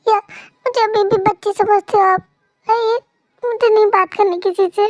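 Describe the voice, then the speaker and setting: A woman's voice: extremely high pitch, steady tone, unhurried, a little mellow, dry recording, voice pushed up. A woman with a cold voicing a hurt, tearful young wife in an amateur fan dub, pleading emotionally. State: has a cold.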